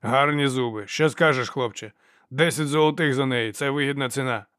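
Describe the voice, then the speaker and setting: A man reading an audiobook voices a coarse male slave guard who haggles and mocks in a loud, jeering way. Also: medium pitch, moderate pace, dry recording, clean studio sound, close to an everyday voice. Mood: jeering, haggling.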